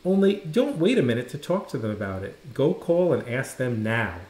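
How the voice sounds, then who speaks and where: A man voicing a sick, loving grandmother who speaks softly and sleepily from her bed, in a storybook read aloud. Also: mid-range voice, very animated, normal speed, close to an everyday voice. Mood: encouraging. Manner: soft and sleepy. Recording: roomy echo.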